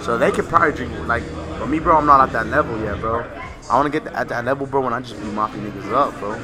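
A man's voice: medium pitch, fast, music in the background. A young man chatting casually in a frat bro manner, telling stories with slangy, filler-heavy talk peppered with "bro". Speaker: amateur fighter in training. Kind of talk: casual chat, animated storytelling.

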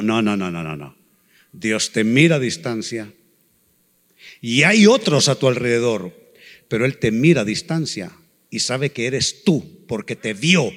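A man preaching a sermon to a congregation, slow and emphatic, building to shouted repetitions and asking them to repeat after him. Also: medium pitch, big-room sound. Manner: asks the congregation to repeat phrases. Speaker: pastor.

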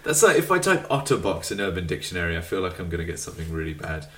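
Low, lively man, off-mic. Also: rapid-fire. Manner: laughing, swears freely. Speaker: podcast co-host. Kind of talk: casual chat. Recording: distant mic with background noise.

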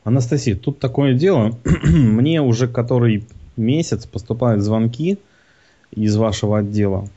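Insistent man with a dark, dull-sounding voice. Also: medium pitch, normal speed. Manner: insistent, argumentative. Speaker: prank-style caller complaining to call centres. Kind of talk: phone conversation. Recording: slightly dull, lo-fi call recording.

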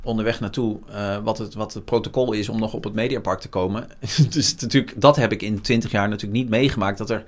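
A man in his forties, a news journalist, talking frankly and reflectively in an interview, often pausing with hesitations. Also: on the low side, steady tone. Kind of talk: candid interview conversation.

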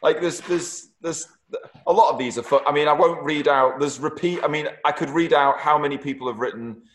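A man's voice: fairly high pitch, fairly bright tone. A man hosting a podcast, reading out listener questions in casual chat, joking and swearing freely. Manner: jokey, swears freely, quick laughs. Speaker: podcast host.

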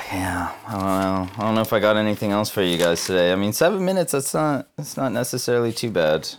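A man's voice: lowish voice, lively intonation, fairly quick, a little hiss or hum. A man in his twenties from Southern California, rambling casually to the camera in a laid-back, slangy, cynical way, full of fillers. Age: 20s. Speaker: vlogger.

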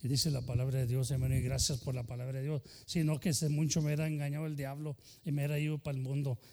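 Older male pastor, impassioned bilingual sermon, gravelly edge, long church reverb. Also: mid-range voice, level tone, fast, darkish tone. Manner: impassioned, switching between Spanish and English.

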